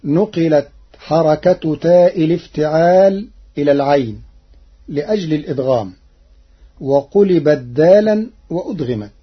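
A man teaching Quranic recitation rules in a measured, methodical way, quoting each verse slowly and drawn out. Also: on the high side, animated, husky, muffled recording.

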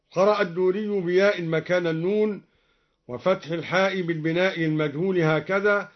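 A man explaining variant readings of the Quran, alternating plain explanation with slow melodic recitation. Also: sits high, muffled recording.

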